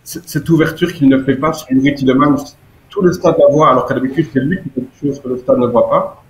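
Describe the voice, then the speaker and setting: A man's voice: mid-range voice, fast talker. A man giving a wry but earnest football verdict from a remote connection. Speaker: football pundit. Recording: roomy remote audio with faint noise.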